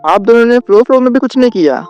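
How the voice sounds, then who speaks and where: A man's voice: very high voice, animated, quick pace, darkish tone, smooth, voice pushed up. A man voicing a pushy, playful teenage girl who teases and makes demands. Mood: teasing. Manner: teasing, demanding. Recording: dull lo-fi with faint music.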